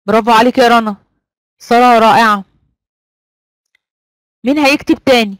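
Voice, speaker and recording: A woman with an Egyptian Arabic accent runs a live online class, repeating the same prompt and coaxing her students to join in. Her voice sits a little high and sounds dry and close to the mic. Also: dry recording. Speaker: online trainer.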